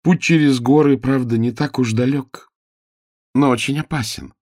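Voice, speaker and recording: In a clean studio recording with no room sound, a man reads a storybook part in a mid-range, darkish voice at normal speed. He pitches himself above his natural register, staying close to an everyday voice, to play a beautiful, melodious noble lady who sounds sweet but is cruel underneath. His sing-song delivery is sweetly coaxing.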